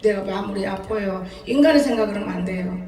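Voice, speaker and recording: A woman's voice: medium pitch, quick pace, dark tone. A woman in her seventies, a pastor preaching a sermon in a folksy storytelling way, often laughing as she talks. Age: 70s. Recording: echoey church hall, distant mic.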